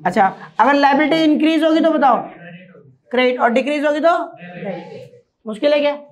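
A man teaching an accounting class, repeating each rule and putting quick questions to his students. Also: very high-pitched, lively intonation. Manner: drills rules by repeating them and quizzing students. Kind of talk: classroom lecture. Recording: dull lo-fi recording.

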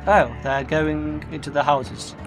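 A man talks his way through a video game in a fairly high voice, muttering to himself and reading signs aloud. His delivery is chatty and loose. Game music plays clearly underneath. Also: fairly even intonation, slow. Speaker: gaming video host. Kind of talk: gameplay commentary.

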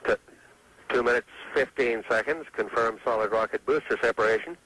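A man serving as mission control's public affairs announcer calls a launch live over the radio, using clipped, matter-of-fact procedural language. His medium-pitched voice is brisk and slightly bright, heard through a noisy vintage launch broadcast.

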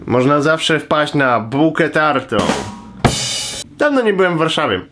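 A sarcastic, crude young man answering viewer questions in a comedic vlog, deadpan. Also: a little high, unhurried. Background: music.

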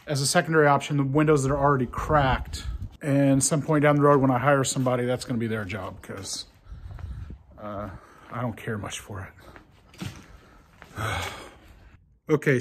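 A man's voice: mid-range voice, fairly even intonation, moderate pace, pauses often. Chatty man vlogging from an old factory. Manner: chatty, rambling with many "uh" fillers. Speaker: vlogger renovating an old building. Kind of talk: casual storytelling vlog. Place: large empty old factory floor, indoors. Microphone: phone held at arm's length.

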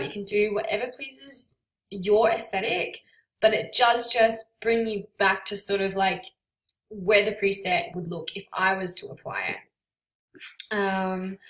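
A woman giving a relaxed, chatty software tutorial with frequent ums, recorded on a built-in computer microphone without a proper mic. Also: on the high side. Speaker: photographer selling presets. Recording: tinny, echoey sound without a proper microphone.

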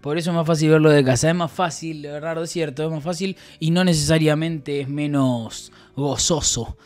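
A man's voice: fairly high pitch, steady tone, normal speed, darkish tone, faint music behind. A man with an Argentine accent chatting casually on a stream, reading out messages and rambling with crude, joking banter. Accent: Argentine Spanish.

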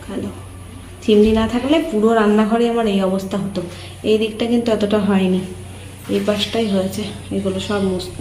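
A woman chats softly as she cleans her kitchen and explains every step. Her voice rings back hard from the bare walls of an empty room, with a faint hum of noise underneath. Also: medium pitch. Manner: chatty, explains each step, quieter and softer. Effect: strong echo from an empty room. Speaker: home vlogger. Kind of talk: casual chat while cleaning.

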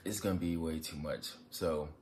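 Low-voiced man, casually encouraging. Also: steady tone, moderate pace, darkish tone, slight background noise. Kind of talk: casual encouraging talk to camera. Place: living room couch, indoors.

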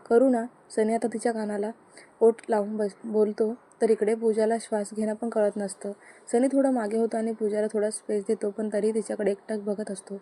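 A woman reading a romantic story aloud in a soft, intimate way, speaking both lovers' lines herself. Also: medium pitch. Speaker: narrator. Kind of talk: storytelling narration with dialogue.

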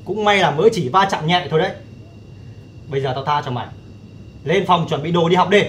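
A man's voice: on the high side, a little fast, slight background noise, close to an everyday voice. An actor playing a stern young husband who scolds his younger brother in a TV drama. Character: stern elder son and husband, young adult man.

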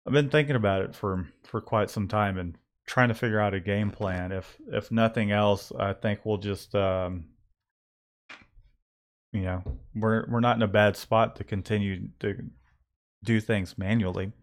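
A man's voice: lowish voice, fairly even intonation, measured pace. A man, the host and co-owner of a screen printing shop, talking casually with many restarts and jokes. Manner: rambling, self-correcting, joking. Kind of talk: casual chat.

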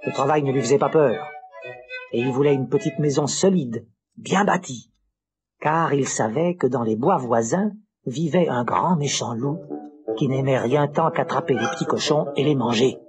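A man narrating a children's storybook record in an animated, expressive way, with music behind. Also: medium pitch, normal speed.

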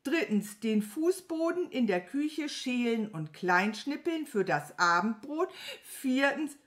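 A woman reading a children's story aloud, voicing a cheeky young man who plays dumb in a drawn-out, confused way. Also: a little high, animated, voice pushed up. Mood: feigned-dumb. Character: cheeky young male puppet hero playing dumb.

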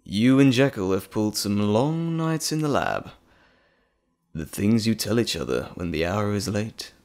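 Man acting slow, menacing, teasing Mr. Hyde. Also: fairly low pitch, animated, darkish tone. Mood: sly, taunting. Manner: theatrical, mocking, drawling with dramatic pauses. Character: menacing, teasing monstrous male alter ego, Mr. Hyde. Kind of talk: dramatic audio roleplay addressed to the listener.

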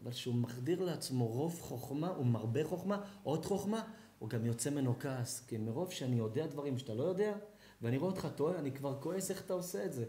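A male rabbi delivering a sermon to a live audience, animated and dramatic, acting out scenes as he teaches. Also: medium pitch, echoey room. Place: lecture hall or synagogue.

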